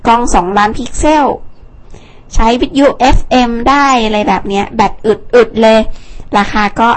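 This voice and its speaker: A woman's voice: on the high side, fairly even intonation, moderate pace. A young woman hosting a casual phone rundown, chatty, with fillers and asides. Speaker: tech show host.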